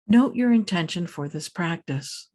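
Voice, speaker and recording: This is a woman meditation teacher with a fairly low pitch, leading a guided meditation from a script. She stays calm and soothing, measures her words, and pauses after each phrase.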